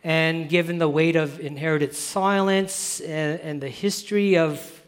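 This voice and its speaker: A man, the author, speaking thoughtfully and measured about his life. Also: fairly high pitch, fairly even intonation, smooth, big-room sound. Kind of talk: reflective conversation.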